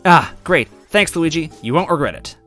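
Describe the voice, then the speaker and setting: A man voicing an excitable young female archaeologist who stammers and gushes. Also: mid-range voice, fast talker, soft background music, voice pushed up. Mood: gushing. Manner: stammering, gushing.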